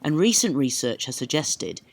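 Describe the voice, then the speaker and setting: A man with a creaky, medium-pitched voice speaks at a normal speed, very animated, as he presents a storytelling travel vlog. It's recorded on location in the countryside, where he narrates and talks with a theatrical delivery.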